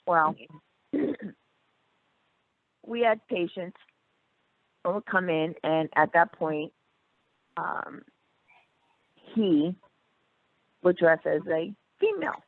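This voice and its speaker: A woman's voice: lowish voice, drawn-out words, long pauses, dry recording. A middle-aged woman telling stories in casual chat, acting out the voices of people she quotes. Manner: animated, acts out quoted voices. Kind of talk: casual storytelling. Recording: tinny phone-like line, dry.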